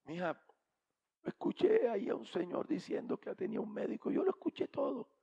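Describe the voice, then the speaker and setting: A man's voice: extremely high pitch, sing-song, fairly quick, vocal fry, mellow, husky, muffled recording, pitched above the performer's own voice, full character voice. A man voicing a sick, bedridden old husband who pleads with his wife to try the stranger's healer. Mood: pleading.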